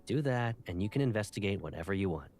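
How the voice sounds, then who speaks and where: An actor playing a protective young man in a game, calm and dry with a teasing edge. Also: lowish voice, quick pace, no room sound. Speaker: game character.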